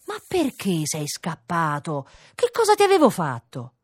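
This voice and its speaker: A woman voicing a panicked middle-aged man in a storybook, shouting shrilly in alarm. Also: fairly low pitch, wildly swooping pitch, unhurried, slightly rough, no echo, full character voice. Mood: desperate pleading. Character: panicked middle-aged man who lost his nose.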